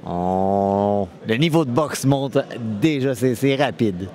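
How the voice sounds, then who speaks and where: A man's voice: mid-range voice, lively intonation, slow, mellow, soft background music. A man with a Quebec French accent giving conversational live boxing commentary. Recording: event crowd noise behind voice. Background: crowd at boxing event.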